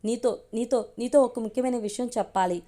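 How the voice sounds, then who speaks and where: A woman's voice: a little high, fairly quick, mellow, lightly acted. A woman reading the lines of a lovesick young man in an audio story, earnest and pleading. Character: young man in love, hesitant then eager.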